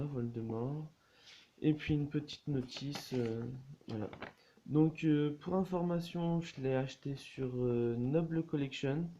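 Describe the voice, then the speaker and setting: A man's voice: mid-range voice, mellow, slight background noise. Hesitant man with dull lo-fi sound. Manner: hesitant, many fillers and restarts. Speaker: collector showing wands. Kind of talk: casual unboxing vlog.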